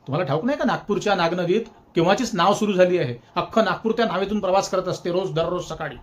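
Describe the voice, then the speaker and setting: A man's voice: high-pitched, quick pace. A man giving satirical political commentary as a sarcastic, mock-scolding host who keeps repeating jeering taunts and chuckles as he talks. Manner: chuckles while speaking.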